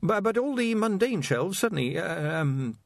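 A man's voice: high-pitched, very animated, moderate pace, vocal fry, dry recording, clean studio sound, pitched above the performer's own voice, full character voice. A man doing a stammering, nervous young wizard. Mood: flustered. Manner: stammering, hesitant, full of "uh"s. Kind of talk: audiobook character voice.

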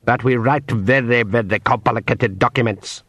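A man voicing an old, bearded male pixie who leans on two sticks, with a cracked Scottish voice and slow, wheedling delivery. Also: medium pitch, fairly bright tone, husky, no echo, clean studio sound. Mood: sly. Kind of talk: audiobook character voice.

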